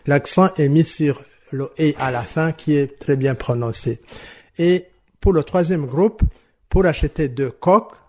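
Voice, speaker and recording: A man explaining French rhythm and stress to teachers in a slow, measured, didactic way, answering interview questions. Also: a little high, a little mellow. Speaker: language teaching expert.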